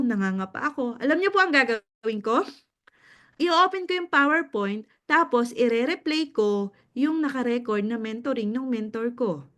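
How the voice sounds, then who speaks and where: Filipino woman mentor, high voice, animated talk to a group with frequent laughs. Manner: animated storyteller, laughs often, checks in with listeners. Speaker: business mentor.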